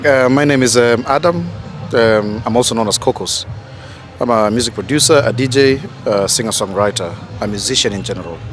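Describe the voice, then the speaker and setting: A man's voice: mid-range voice, fairly quick, soft background music. A man from Kenya chatting in a street interview outdoors, rambling with lots of ums and uhs, into a handheld mic. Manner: rambling, many fillers, lively. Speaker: interviewee, music producer. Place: outdoors in a park. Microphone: handheld mic held by interviewer.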